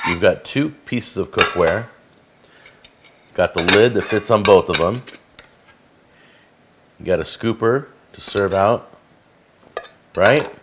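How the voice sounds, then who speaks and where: A middle-aged man with a very deep voice runs a casual cooking show from his own kitchen. He chats eagerly through one gadget after another, filling the gaps with ums and uhs. A faint hiss sits under the recording. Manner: chatty, enthusiastic, filler-heavy. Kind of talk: casual product demo. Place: home kitchen, indoors.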